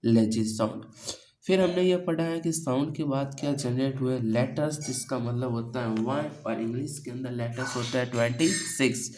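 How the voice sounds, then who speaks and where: A man's voice: mid-range voice, normal speed, darkish tone, a little hiss or hum, rough recording. A man teaching pronunciation in a coaching-class lesson, asking questions and answering them himself. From India. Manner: repeats key points as questions to students. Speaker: English teacher.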